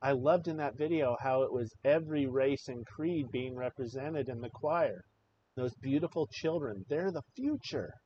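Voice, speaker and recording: A man's voice: medium pitch, moderate pace. A man hosting a live show, giving impassioned, emotional political commentary and swearing freely. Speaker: livestream show host. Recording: slightly dull audio with faint noise.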